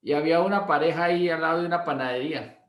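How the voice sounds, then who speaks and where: A man's voice: fairly high pitch, very fast. A pastor teaching a class through a long anecdote, acting out the dialogue and often repeating his words. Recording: roomy echo.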